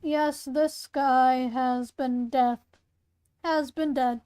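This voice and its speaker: A young woman who tells stories and makes content casually reads her own story aloud, rambling and correcting herself in a chatty way. Her voice is high with fairly even intonation, drawn-out words, and a dark but clear, resonant tone.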